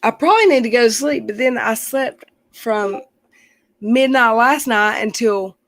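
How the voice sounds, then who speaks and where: A woman in her forties hosts a relaxed livestream chat and reads viewer comments aloud as she goes. Her voice sits a little high, and the sound is dry and close, with no room echo. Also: unhurried. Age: 40s. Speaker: stream host. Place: outdoors near her house.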